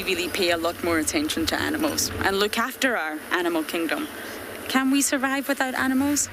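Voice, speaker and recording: A woman from Scotland with a Scottish accent, a safari guide chatting earnestly to viewers during a live game drive. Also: on the low side. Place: open safari vehicle outdoors in the bush at dusk. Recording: outdoor bush ambience and vehicle noise.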